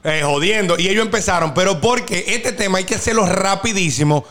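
A man's voice: high-pitched, a bit bright. A man with a Dominican accent, co-hosting a podcast in a rowdy, teasing way. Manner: rowdy, teasing, quick to interrupt. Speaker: podcast co-host. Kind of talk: casual chat.

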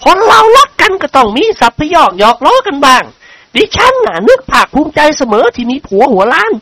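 A man voicing a genteel, teasing middle-aged noblewoman who speaks in a lively, coquettish way. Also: very high voice, a little fast, gravelly, dry recording, voice pushed up, exaggerated voice. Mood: coy. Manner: lively, coquettish, polite particles.

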